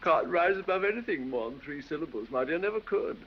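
A man's voice: on the high side, animated, brisk, lightly acted. A man playing a foppish, affected English aristocrat with an English accent, drawling and silly, in 1930s film acting. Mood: probing. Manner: drawling, silly, laughs at his own jokes. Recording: dull 1930s film soundtrack with faint hiss.

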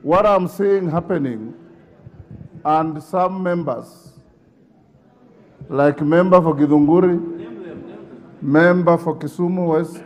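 In a large parliament chamber noisy with shouting members, a middle-aged speaker sternly calls the rowdy session to order and lectures the members. His voice is on the high side, and he takes it slowly, pausing often.

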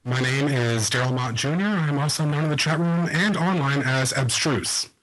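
A man's voice: normal speed, fairly bright tone. A man from Texas, a guest in a casual interview chat, talking in an easygoing, matter-of-fact way through a clipping, distorted microphone. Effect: clipping, distorted mic (gain too high). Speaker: show guest.

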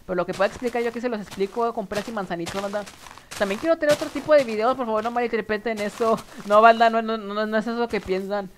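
Chatty northern mexican guy streaming a game, kinda high voice, rambles and giggles nervously. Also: fairly even intonation, fast talker, a little hiss or hum. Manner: chatty, rambling, addresses viewers often. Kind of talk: casual live game commentary.

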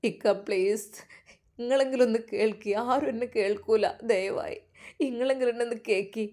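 A woman voicing a desperate young man who begs tearfully and softly in a storybook tale. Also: fairly high pitch, a little slow. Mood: tearful pleading. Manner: soft, tearful begging.

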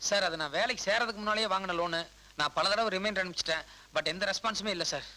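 Glib loan officer, film comedy-drama: high, quick, talkative, pleading. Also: male voice, sharp tone, low-quality recording. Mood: harried. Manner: talkative, pleading, mixes in English words. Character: glib, fussy bank loan field officer and husband.

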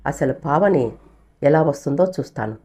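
A woman's voice: low-pitched, expressive, moderate pace, dark tone, breathy edge, highs cut off. A woman voicing a bold loyal friend. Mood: firm. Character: bold, scheming young man, loyal friend.

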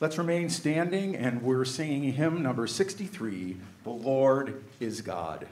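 A man introducing a hymn in a church sanctuary, speaking into a handheld mic with unhurried phrasing. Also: mid-range voice, animated. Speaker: song leader. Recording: echoey church hall with loud music.

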